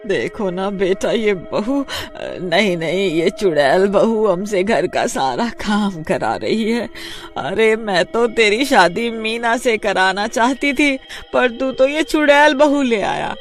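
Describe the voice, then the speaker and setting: A man voicing a fussy old mother-in-law in a kids' storybook, scolding and wailing in a shrill voice. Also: measured pace, soft background music. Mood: panicked, wailing. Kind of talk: storybook voice acting.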